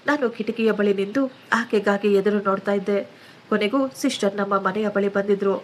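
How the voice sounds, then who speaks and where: Woman, story narrator, first-person telling, earnest, emotional, middle pitch. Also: normal speed, slight background noise.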